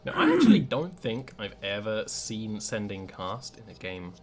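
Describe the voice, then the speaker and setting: A man narrating a tabletop game as game master in a casual, improvised and somewhat halting way. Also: fairly low pitch, wildly swooping pitch.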